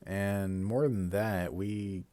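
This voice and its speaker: A man's voice: low-pitched, steady tone, very slow, warm tone, no echo. A young man live-streaming, giving casual, rambling commentary, swearing and correcting himself as he goes.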